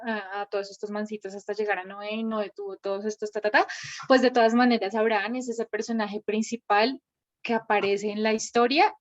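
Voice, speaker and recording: A woman teaching a Bible class over a video call. She thinks aloud while she writes names on a shared screen. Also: medium pitch. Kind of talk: online class with screen sharing. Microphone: computer mic on a video call. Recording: dull lo-fi video call audio.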